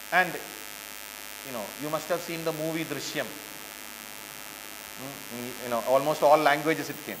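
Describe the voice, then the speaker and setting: A man's voice: sits high, noisy background. Indian man lecturing in an echoey hall. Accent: Indian English. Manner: rhetorical questions, repeats key phrases for emphasis. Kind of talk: motivational classroom lecture.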